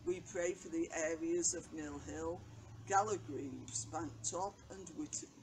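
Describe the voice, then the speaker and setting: A woman's voice: deep voice, a little mellow. An older woman vicar reading a daily reflection and prayers from her notes, seated outdoors. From England. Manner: slow, measured reading from notes. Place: outdoors by a brick wall on a bench. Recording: noisy outdoor recording.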